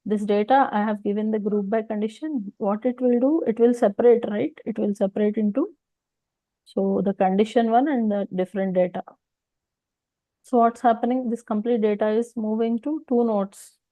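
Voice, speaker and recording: This data engineering instructor, a woman with a South Indian accent and a fairly high voice, walks through a casual technical lesson step by step, frequently asking questions and then answering them. It sounds like a phone recording, with no echo.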